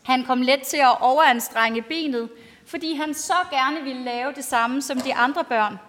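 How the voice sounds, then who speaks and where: A woman pastor with a high, fairly bright voice delivers a storytelling sermon to her congregation in simple, plain language. She's in a large church, and the recording carries a long, reverberant hall echo.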